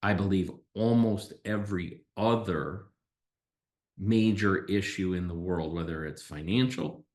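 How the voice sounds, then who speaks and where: Podcast host, male, low voice, emphatic opinionated explainer who poses his own questions, recorded in an echoey room. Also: unhurried, darkish tone. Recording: roomy, echoey sound.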